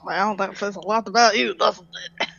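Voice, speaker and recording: A woman's voice: mid-range voice, steady tone, moderate pace, vocal fry, fairly bright tone. A woman playing a tabletop role-playing game, talking in a blunt, teasing way. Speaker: player. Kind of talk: tabletop role-play banter. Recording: dull lo-fi audio.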